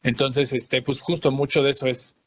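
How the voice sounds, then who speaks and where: A young adult man delivers a conference talk at a moderate, middle pitch. He explains things patiently, often stopping to hunt for the right word and repeating himself. The sound is dry and close, with no room echo. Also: fairly even intonation, normal speed, a bit bright. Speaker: cartoon creator giving a talk.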